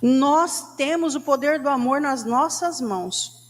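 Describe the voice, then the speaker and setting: A woman's voice: sits high, measured pace, in a large hall. A woman from Brazil giving a spiritist talk, chatty and storytelling, often turning to the audience. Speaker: spiritist lecturer. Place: lecture hall of a spiritist center.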